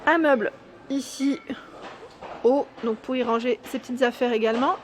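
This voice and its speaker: A woman's voice: a little high, normal speed, a little hiss or hum. A woman giving an enthusiastic, chatty walkthrough vlog in a furniture store showroom, often tagging "hein" and correcting herself. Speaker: YouTube vlogger.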